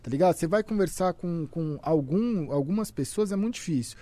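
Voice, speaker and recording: A man's voice: a little high, lively intonation, a little fast, mellow, dry recording. A young man, chatting casually as a podcast guest in loose full of fillers. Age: young adult. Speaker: content creator, podcast guest. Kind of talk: casual chat.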